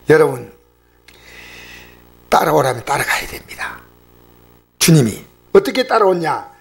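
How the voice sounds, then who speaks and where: A male pastor preaching an emphatic, animated sermon. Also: sits high, creaky, husky.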